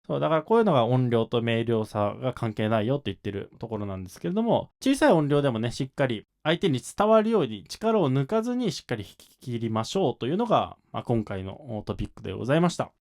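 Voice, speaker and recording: A man's voice: mid-range voice, sing-song, fast, hardly any pauses, darkish tone. A man explaining shamisen technique in a patient lesson, with frequent fillers. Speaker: shamisen instructor.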